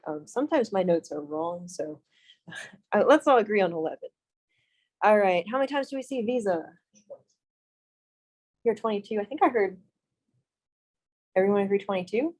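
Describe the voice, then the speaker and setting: A woman's voice: mid-range voice, a little mellow, poor audio. A young woman lecturing a math class in a classroom, casual and self-deprecating, often asking the students questions. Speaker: math instructor.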